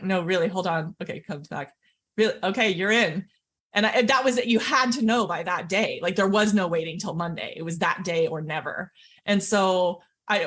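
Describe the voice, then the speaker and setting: Animated woman telling a story. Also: mid-range voice. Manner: animated storyteller, laughs often, acts out quoted voices. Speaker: physician and podcast guest. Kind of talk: podcast interview storytelling.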